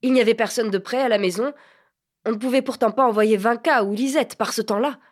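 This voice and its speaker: A woman reading an audiobook voices a proud, touchy sixteen-year-old boy who answers in sharp, indignant outbursts. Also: medium pitch, moderate pace, natural voice.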